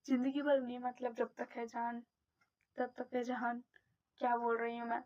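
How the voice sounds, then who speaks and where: High-voiced chatty woman teacher vlogging. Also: normal speed. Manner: animated, mimics others' voices in anecdotes. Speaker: primary school teacher. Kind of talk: casual storytelling vlog. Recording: slightly dull lo-fi audio.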